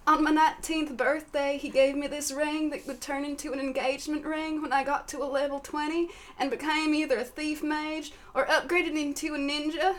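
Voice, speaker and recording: A woman's voice: sits high, flat delivery, normal speed, hardly any pauses, voice pushed up, close to an everyday voice. A woman voicing a sentimental young woman adventurer in a raised, plaintive voice. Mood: tearful.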